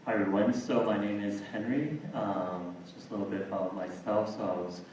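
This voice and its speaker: Deep-voiced guy at a seminar panel, halting with lots of ums, echoey room, mic far off. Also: fairly even intonation, darkish tone, slight background noise. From Taiwan. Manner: halting, many fillers. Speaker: panel speaker. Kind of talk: seminar talk.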